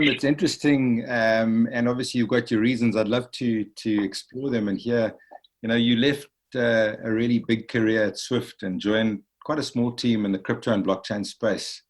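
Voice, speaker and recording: A man's voice: fairly low pitch, fairly even intonation, normal speed. A man hosting a podcast who introduces his guest and asks questions in a friendly, conversational way. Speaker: podcast host. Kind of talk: interviewing a guest.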